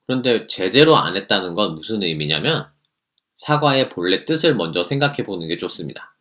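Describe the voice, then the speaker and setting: A man teaching a lively lesson, playful and asking the viewer questions as he explains. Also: low-pitched, fairly quick. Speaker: teacher explaining how to apologize.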